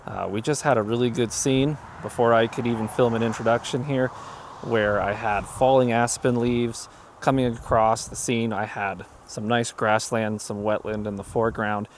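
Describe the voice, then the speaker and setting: A man's voice: medium pitch, steady tone, normal speed, a little hiss or hum. A man, a landscape photographer, casually and enthusiastically narrating an outdoor vlog in a mountain forest while shooting, recorded on a camera mic. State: out of breath.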